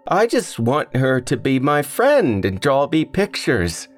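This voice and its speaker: Childlike male killer, gravelly falsetto, singsong and creepy. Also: slow pace, faint music behind. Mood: gleeful. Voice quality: high-pitched yet gravelly, like an excited kid. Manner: singsong, repeats words. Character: childlike masked male killer, gleeful and menacing.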